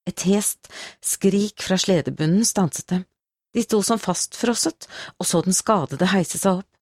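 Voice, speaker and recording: A woman narrating a novel as an audiobook, in a steady, measured storytelling manner. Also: mid-range voice, breathy edge, dry recording, studio quality. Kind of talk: scripted narration.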